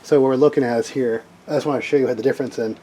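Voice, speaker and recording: A man, a hobbyist radio operator, demonstrates his equipment in a casual hands-on session, thinking aloud informally and rambling. His medium-pitched voice is dark and steady, and he talks at a racing speed.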